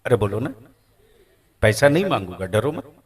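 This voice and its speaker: A man preaching a fiery religious sermon to a gathering, booming and drawn out, urging the crowd to call back. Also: sing-song, moderate pace.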